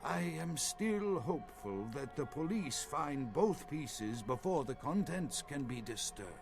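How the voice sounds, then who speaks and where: An anxious, indignant archaeologist held captive. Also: male voice, on the high side, sing-song, a little slow, creaky, music in the background, exaggerated voice. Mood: lecturing. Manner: indignant, then lecturing and scholarly. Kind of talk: video game voice acting.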